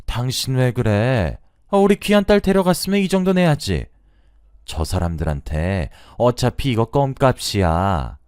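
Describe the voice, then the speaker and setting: A man voicing a brazen, greedy middle-aged mother-in-law who talks in a shrill, demanding way. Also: sing-song, a little slow, darkish tone, clean tone, dry recording, studio quality. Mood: pushy.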